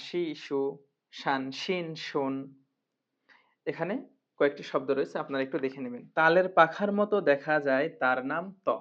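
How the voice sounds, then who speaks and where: A woman teaching Quran reading in a recorded lesson, patiently repeating and drilling each sound. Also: sits low. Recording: muffled lo-fi recording.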